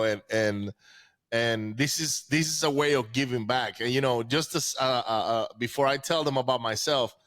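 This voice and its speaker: Halting man telling his story. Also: mid-range voice, fairly bright tone. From Venezuela. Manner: halting, many restarts and repeated words. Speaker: podcast guest. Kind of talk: casual conversational storytelling.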